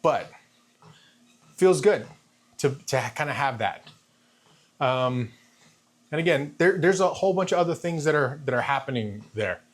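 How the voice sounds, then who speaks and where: A man's voice: mid-range voice, animated, normal speed. Man in his fifties talking on a treadmill. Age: 50s. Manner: talking while walking on a treadmill. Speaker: fitness vlogger. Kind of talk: casual vlog monologue.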